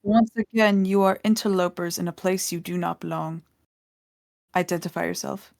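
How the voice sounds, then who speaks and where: A woman's voice: fairly low pitch, normal speed, creaky, no echo, clean studio sound. A woman doing a stern robotic construct guard. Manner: flat robotic delivery. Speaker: game master. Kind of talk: voicing a figure in a tabletop game.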